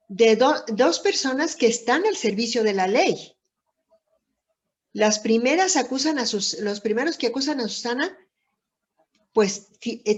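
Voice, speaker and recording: A woman giving a reflective Bible lesson, speaking deliberately with many pauses and rhetorical questions. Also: fairly high pitch. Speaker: Bible teacher. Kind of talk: slow, reflective Bible teaching. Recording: dull lo-fi recording.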